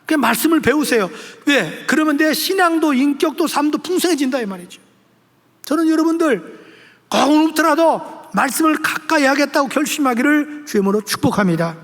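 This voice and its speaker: An older male pastor with a very high-pitched voice delivers an exhorting sermon. His words ring out with a long reverb from the church hall around him. He presses his points with emphatic appeals to the congregation. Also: animated, brisk, a bit bright. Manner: exhorting, rising to emphatic preaching. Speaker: senior pastor. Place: church sanctuary.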